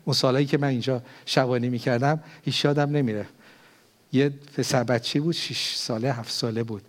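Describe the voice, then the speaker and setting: An older man, a pastor, preaching a sermon. He swells with force on key phrases and sinks into hushed prayer. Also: medium pitch, fairly even intonation.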